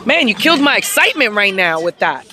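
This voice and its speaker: A woman calling a softball game play by play from outdoors at the field, excitable and hyping each play with shouts. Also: mid-range voice, quick pace, a faint crowd, slight background noise. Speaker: play-by-play commentator. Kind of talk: amateur sports commentary.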